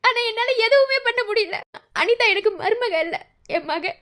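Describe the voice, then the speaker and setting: A woman's voice: extremely high pitch, lively intonation, normal speed, a bit bright. A woman with a Madurai Tamil accent voicing a heartbroken mother-in-law in a cartoon, weeping as she talks. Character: grieving mother-in-law who misses her son's wife.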